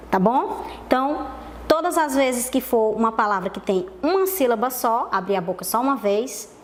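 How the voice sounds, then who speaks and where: A Brazilian woman gives a televised lesson to small children, slowing down and repeating each key word so they can follow. Her voice sits a little high for a woman. A faint hiss runs under the recording. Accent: Brazilian Portuguese. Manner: slow, stretched-out syllables, repeating key words for young pupils. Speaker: primary school teacher.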